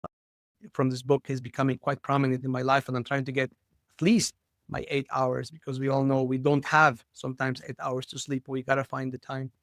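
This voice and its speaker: A man's voice: medium pitch, monotone, brisk, fairly bright tone, no echo, clean studio sound. A middle-aged man born in Lebanon, a school superintendent chatting cheerfully as a guest over a video call, with light jokes. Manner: cheerful and joking. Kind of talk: casual interview chat.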